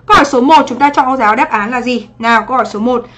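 Speaking at a racing pace, a woman with a slightly high, fairly bright voice leads a livestream exam review. As an English teacher, she chats with viewers, greets them by name and asks for confirmation after each point.

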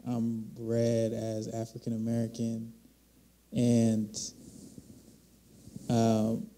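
A man in his thirties speaking on a panel into a handheld mic, measured and reflective. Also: mid-range voice, monotone, dark tone, a little hiss or hum. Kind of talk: panel discussion. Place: large hall on a stage.

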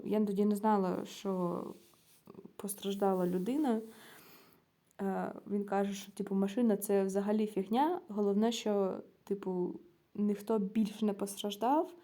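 A young woman with a Ukrainian accent, telling a personal story to her vlog viewers, acting out the dialogue with lots of hesitations. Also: mid-range voice. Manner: animated, acts out quoted dialogue with hesitations. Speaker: vlogger. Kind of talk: casual storytelling.

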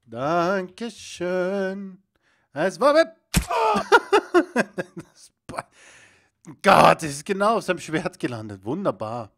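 A young man giving excitable video game commentary, often bursting into loud exclamations. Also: fairly high pitch, normal speed, gravelly, long pauses. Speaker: let's play host.

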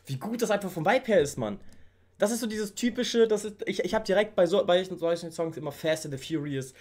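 A young man hosting a music reaction video, gushing in excited, slangy casual commentary. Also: sits high, fairly quick. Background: faint hip hop track playing.

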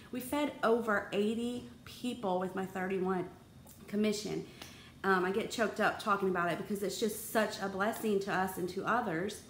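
A woman's voice: on the high side, fairly bright tone. Chatty woman in an echoey room. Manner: earnest and upbeat, chatty with fillers. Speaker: independent direct-sales director. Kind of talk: casual personal story to camera. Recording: roomy echo, faint background hiss.

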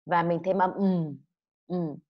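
In a low, steady voice and at a slow pace, a woman from Vietnam explains English words to children online and loudly leads them in repeating. The audio has its highs cut off.

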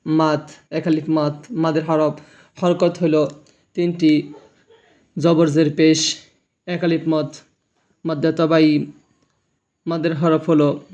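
A man's voice: a little high, darkish tone. A man teaching Quran reading, spelling out letters and vowel marks, then drawling each joined syllable for the listener to repeat. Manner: repeats words for the listener to echo. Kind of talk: recorded reading lesson.

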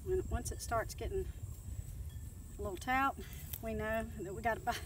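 A middle-aged woman talks folksy and chatty straight to her viewers while she walks through her rural garden. Her voice sits a little high. It is caught on a phone outdoors, with clear wind and yard noise behind her. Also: normal speed. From North Texas. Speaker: gardening vlogger. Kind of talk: casual vlog walk-through. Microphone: phone camera held or close by.

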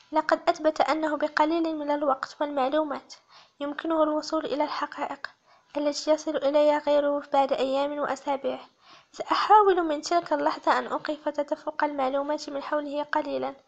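Stern police chief, a man keeping his anger in check, read by a woman narrator, high-pitched and slightly muffled. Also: flat delivery, vocal fry. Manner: firm, measured.

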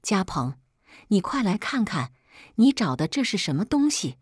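Woman doing a bossy, shrill mother for a story narration: strident and scornful. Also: lively intonation, unhurried, no echo, clean studio sound. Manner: scolding, sneering, strident.

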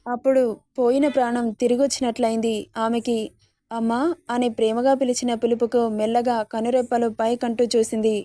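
A woman narrating a romance story in a steady, even read-aloud delivery. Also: fairly high pitch, fairly quick.

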